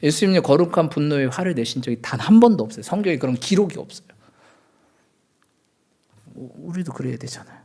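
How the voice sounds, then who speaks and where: A man's voice: a little high, lively intonation, quick pace, pauses often, dark tone. A man, a pastor, preaching a sermon at a Friday night church service. He acts out everyday quarrels and keeps asking the congregation for agreement.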